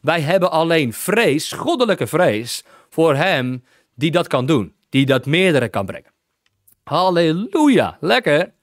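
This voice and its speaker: Man preacher, emphatic and repetitive, slightly high voice, dry close sound. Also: big pitch swings, unhurried, no room sound. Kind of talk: sermon, Bible teaching.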